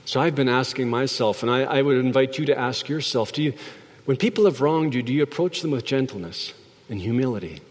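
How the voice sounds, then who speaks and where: A man's voice: medium pitch, fairly quick. A man preaching a sermon as a pastor, reflective, asking his listeners rhetorical questions. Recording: long reverb of a large hall.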